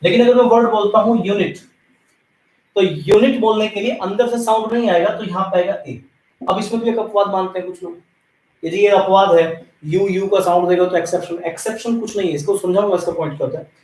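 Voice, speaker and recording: A man's voice: high voice, steady tone, brisk, a little mellow. A man from India teaching an English grammar lesson, explaining step by step and speaking directly to his students. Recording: echoey room, voice from a distance.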